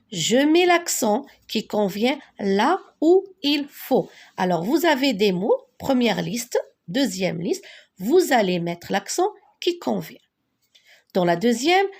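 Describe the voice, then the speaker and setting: Woman, teacher, slow deliberate delivery, gravelly voice, husky edge, repeats key words. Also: a little high. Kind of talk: French spelling lesson.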